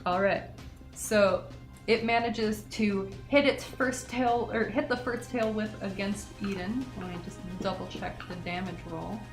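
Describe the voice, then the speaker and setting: A woman's voice: mid-range voice, unhurried, reverberant, faint music behind. A woman running a tabletop game as game master, narrating the action with many fillers and self-corrections.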